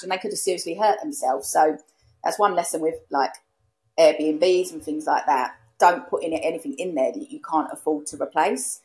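Lowish-voiced Essex woman, chatty. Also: a little mellow, low-quality recording. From East London and Essex, England. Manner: chatty, repeats herself, acts out quoted remarks. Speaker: podcast guest, serviced accommodation host. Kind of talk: casual anecdotal interview chat.

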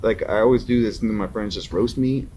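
A man's voice: on the low side, quick pace, mellow, slight background noise. A man in his thirties, a musician guest telling stories in a casual interview, laughing often and acting out his own reactions. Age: 30s.

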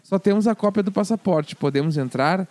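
A man with a notably high voice reads listener stories aloud on a podcast, lively and animated, dropping casual curses. The sound is dry and close, with no room around him. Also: a little fast, dry recording. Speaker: podcast co-host. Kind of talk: reading listener emails aloud.

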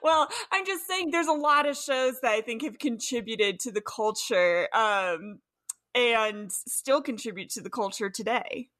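Female panelist, unhurried, hesitant delivery. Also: on the high side, a bit bright. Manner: hesitant, with many fillers. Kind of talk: casual chat.

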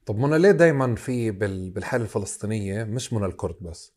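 Male interviewer, Palestinian Arabic accent, slightly low pitch, thoughtful and halting delivery. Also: animated, a little mellow. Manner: halting, reflective, circling around questions. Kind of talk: conversational interview.

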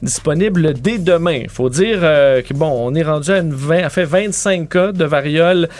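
A man with a Quebec French accent co-hosts a radio news show. He reports in a conversational way, with a slightly high voice. The sound is close and dry. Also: normal speed, a little mellow, no echo.

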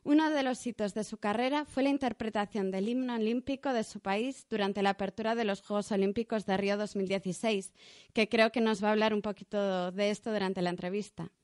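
A woman hosting a podcast, introducing a guest in a friendly, smooth manner. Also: mid-range voice, steady tone, brisk, darkish tone, no echo, clean studio sound. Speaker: podcast host.

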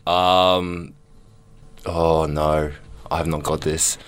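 A man's voice: very deep voice, level tone, drawn-out words, smooth. A man playing a bachelor on a joking podcast dating game, fumbling and hesitant when he answers.

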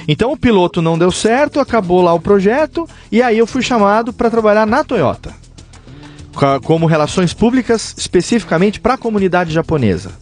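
A Brazilian man, a podcast guest, tells his story in a lively way, acting out the conversations and restarting a sentence now and then. His voice sits a little high for a man, with faint music underneath. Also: brisk. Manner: animated storyteller, acts out dialogue, some restarts. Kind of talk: casual storytelling interview.

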